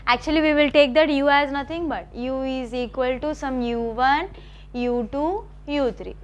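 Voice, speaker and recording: High-voiced woman lecturer. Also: lo-fi sound. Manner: repetitive, slow dictation with checking questions. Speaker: college math lecturer. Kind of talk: classroom lecture dictating notes.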